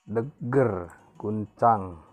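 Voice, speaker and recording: A man from Indonesia reads out a dictionary as a language lesson, working through it one entry at a time. He speaks very slowly in a fairly low voice, punching each headword and repeating it before calmly explaining it. Faint music plays quietly behind him. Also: breathy edge. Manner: reads each headword louder, then its meaning, repeating words. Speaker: language teacher reading a dictionary. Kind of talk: slow word-list reading lesson.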